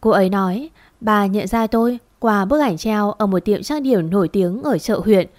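Female narrator for a spoken story, middle-pitched voice, steady even delivery, dry close recording. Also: normal speed, no echo.

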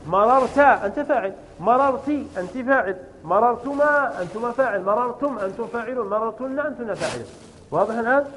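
A man's voice: very high voice, fairly bright tone, big-room sound, slight background noise. A man teaching a grammar lesson in a classroom. He explains step by step with repeated examples and keeps quizzing his students to check they understand.

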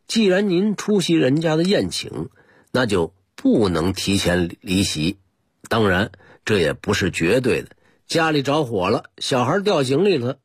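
Man, husky voice, pitch swinging widely, chatty radio storyteller, studio mic. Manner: chatty storyteller, addresses listeners directly. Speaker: radio presenter. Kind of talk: scripted radio talk on old customs.

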